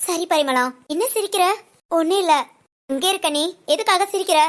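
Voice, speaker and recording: A woman's voice: very high-pitched, moderate pace. A woman voicing a chatty, teasing woman friend at an ashram who scolds and gossips. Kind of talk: audio story dialogue.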